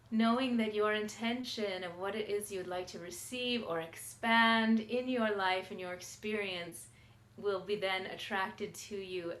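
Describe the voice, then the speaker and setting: A woman sound healer leading a guided meditation in a soft, trailing voice. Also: mid-range voice. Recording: roomy with faint rattle music.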